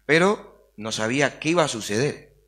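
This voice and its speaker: A man's voice: mid-range voice, expressive, normal speed, a bit bright. A man sharing an earnest personal faith testimony as an interview guest, acting out the dialogue as he tells it. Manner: earnest storytelling, acts out dialogue.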